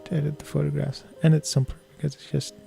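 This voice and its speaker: A man giving casual, low-key live-stream commentary as he works on photos, unhurried, with music behind him. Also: level tone, vocal fry, warm tone.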